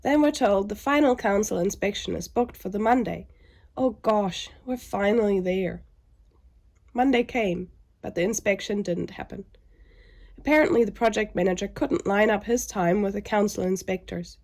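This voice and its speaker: A woman's voice: mid-range voice, normal speed, a little mellow. A woman sounding under the weather and weary, narrating a scripted vlog with frustration.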